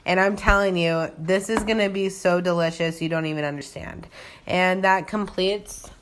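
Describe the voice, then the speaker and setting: A woman's voice: fairly low pitch, fairly even intonation, moderate pace, slight background noise. A tipsy woman giving a loose, rambling cooking vlog, thinking aloud in a casual way. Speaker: home cook hosting a cooking video. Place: home kitchen.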